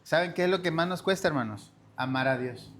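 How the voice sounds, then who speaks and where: A man's voice: on the high side, brisk, a bit bright, a little hiss or hum. A man teaching a church discipleship lesson in an earnest sermon style, often addressing his listeners as brothers and sisters.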